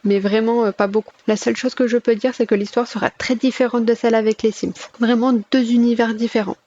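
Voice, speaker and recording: A woman's voice: on the high side, little pitch movement, brisk, dark tone, muffled recording. A woman gives a casual channel update in a chatty, self-correcting way, recorded at home. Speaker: gaming YouTuber. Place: at home, alone.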